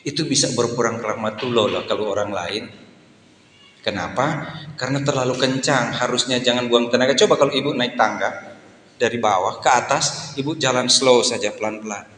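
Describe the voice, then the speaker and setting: A man in his fifties preaching a lively sermon to a congregation in a church hall. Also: medium pitch, moderate pace, a little hiss or hum. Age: 50s. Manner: lively preaching, acts out voices in asides. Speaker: pastor. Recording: echoey hall with faint ambience.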